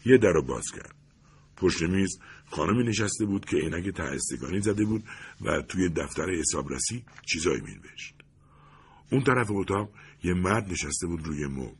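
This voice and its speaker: A man calmly narrating an audiobook in an even storytelling manner. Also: sits low, husky.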